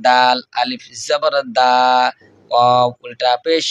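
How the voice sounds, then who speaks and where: A man with a Bangladeshi Bengali accent teaching Quran reading, spelling out Arabic letters and stretching the syllables in a slow chant, with quick spoken asides in between. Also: mid-range voice, fairly even intonation, fairly bright tone, smooth, dry recording, highs cut off. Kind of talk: recitation lesson, spelling out letters.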